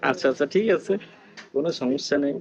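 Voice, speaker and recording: Hushed village vlogger man, slightly high. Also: fast, muffled recording, a little hiss or hum. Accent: Bangladeshi rural Bengali. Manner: talks low and hushed to viewers. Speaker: vlogger host. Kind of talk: casual vlog commentary. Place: village house outdoors.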